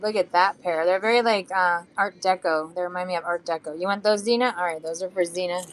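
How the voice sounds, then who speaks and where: A woman with a lowish voice talks at a quick pace during a live online sale, showing beads and charms and chatting casually with buyers. Her throat is slightly phlegmy, and she hums and sings to herself as she moves between items.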